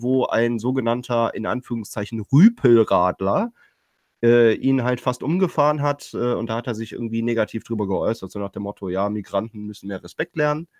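A man's voice: mid-range voice, dry recording, clean studio sound. A man hosting a casual panel podcast, reading out news items and commenting with many hesitations. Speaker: podcast host.

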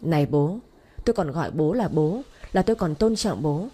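A woman voicing an angry, bullying young husband who shouts and sneers in an audio story. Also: sits low, animated, normal speed, breathy edge.

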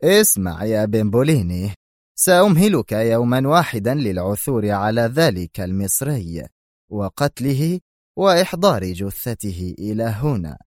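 Man doing a raging mafia don, slow heavy shouting, dry close recording, audiobook villain. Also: on the low side, big pitch swings, dry recording. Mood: stern. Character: furious Italian mafia boss, older man. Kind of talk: audiobook character voice.

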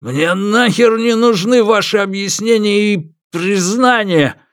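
A man's voice: high-pitched, slow pace, clear, resonant tone, dry recording, studio quality, pitched above the performer's own voice. A man doing a drunk, desperate father. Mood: frantic.

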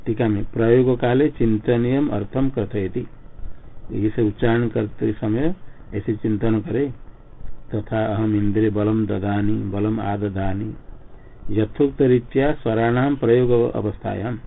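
A man teaching scripture, reading Sanskrit phrases aloud and then explaining each one slowly in Hindi. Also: fairly low pitch, creaky. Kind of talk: line-by-line commentary on a Sanskrit text. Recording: tinny phone-like recording with faint noise.

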